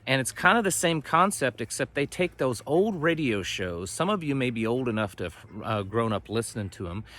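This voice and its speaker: Very animated and brisk, the medium-pitched, fairly bright voice belongs to a middle-aged American homesteading and prepping host. Standing outdoors on his homestead near some ducks, he talks casually to camera in a folksy, rambling way that trails off mid-thought.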